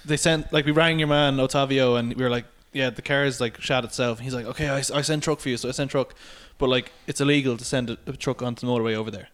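A man's voice: medium pitch, fairly even intonation, quick pace, few pauses, a bit bright, clean tone. A man with a west of Ireland accent from County Mayo, telling stories in a casual chat. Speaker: podcast guest, car dealer colleague.

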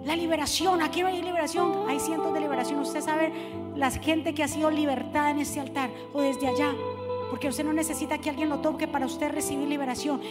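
A woman preaching a sermon in a church, building from calm teaching to fiery shouting and acting out the voices of the people she describes. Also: sits high, a little fast. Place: church sanctuary. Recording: reverberant church hall with music behind.

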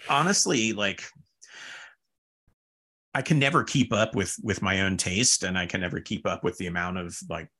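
A man's voice: low-pitched, normal speed, pauses often, pushed and bright. A man, a record label founder, telling long casual stories in an interview, full of fillers and asides. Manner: rambling anecdotes with frequent fillers and laughs.

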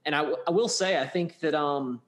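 A man's voice: fairly high pitch, brisk, fairly bright tone. A man co-hosting a casual sports chat, rambling with many restarts and plenty of fan enthusiasm. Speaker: podcast co-host.

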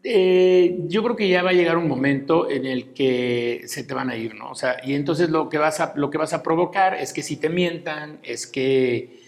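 Gravelly middle-aged Mexican man. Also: on the high side, normal speed. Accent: Mexican Spanish. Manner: frank, fatherly, full of filler tags. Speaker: guest. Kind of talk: casual advice in conversation.

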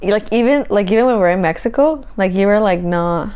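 A woman's voice: mid-range voice, quick pace, clean tone, dull audio. Brief: female podcast co-host, medium voice, chatty teasing banter with emotional candor. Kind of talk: casual couple chat.

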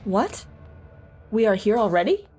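A woman playing a playful young wife and mother, high and fussing over her family. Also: sing-song, unhurried, mellow, breathy edge. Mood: worried. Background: music.

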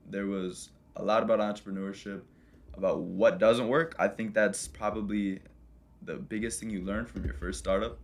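A man's voice: on the low side, creaky. A young adult man co-hosting a casual podcast in a garage, talking in an informal, bro-ish way. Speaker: podcast co-host.

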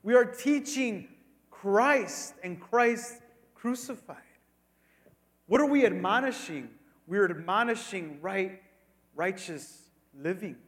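A man's voice: high voice, animated, slow, a bit bright. A man preaching a sermon as a pastor, emphatic and colloquial, leaning on rhetorical questions and repeated phrases. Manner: colloquial asides, acting out dialogue. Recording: long hall reverb.

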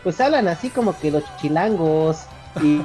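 A man's voice: on the high side, animated, moderate pace, darkish tone. A man from northern Mexico with a northern Mexican accent, a podcast guest who chats casually and explains his points at length. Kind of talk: casual chat. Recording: faint background music.

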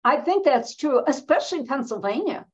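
An elderly American woman, seventies or older, speaking as an interview guest in a reflective, emphatic, deliberate way with pauses mid-sentence, on a slightly dull recording. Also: sits high, animated. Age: 70s or older. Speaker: interview guest, veteran feminist activist.

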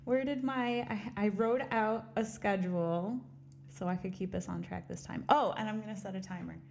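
A woman co-hosts a casual podcast chat, giggly, rambling and self-deprecating, laughing often while wearing headphones and speaking into a studio mic. Her mid-range voice has a moderate pace, vocal fry and a darkish tone, with slight background noise.

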